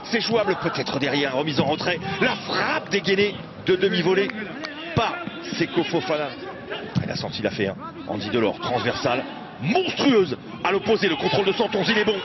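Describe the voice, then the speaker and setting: A man calls a football match in excited sports commentary, his fairly high voice stretching the big words. The sound is dull and lo-fi, with a very loud crowd roaring behind him. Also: moderate pace. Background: loud stadium crowd.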